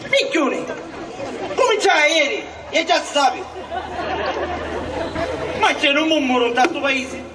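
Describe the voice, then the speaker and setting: A man acting an excitable, scheming Sicilian village barber in a stage comedy, theatrical and exclamatory, in Sicilian dialect. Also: very high-pitched, slow pace, long pauses, a crowd in the background, full character voice. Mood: boastful. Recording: echoey theatre stage, distant mic, audience.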